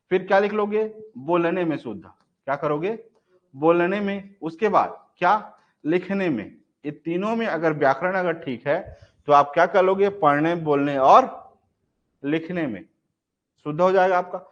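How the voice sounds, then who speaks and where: Man teaching a class, quizzing as he goes. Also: on the high side. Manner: asks the class questions and answers them himself; repeats key points, often says "ठीक है". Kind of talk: live online exam-prep class. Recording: dull lo-fi recording.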